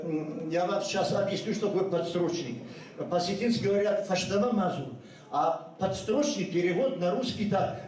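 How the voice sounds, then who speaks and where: An older man with a high, darkish voice gives an unscripted speech as a guest at a memorial ceremony in a school hall, recorded far from the mic with heavy echo. His first language is Ossetian, and he speaks haltingly, with many hesitations and restarts.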